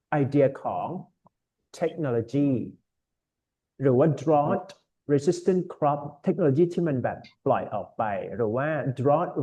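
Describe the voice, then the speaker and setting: Mellow-voiced tutor man. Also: a little high. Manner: explains step by step, mixing Thai and English, reassuring. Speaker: IELTS tutor. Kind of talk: online tutoring lesson.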